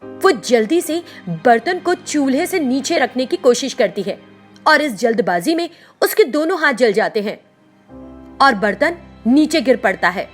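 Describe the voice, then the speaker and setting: A woman narrating a scripted children's story in an expressive storytelling manner. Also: sits high, measured pace, soft background music.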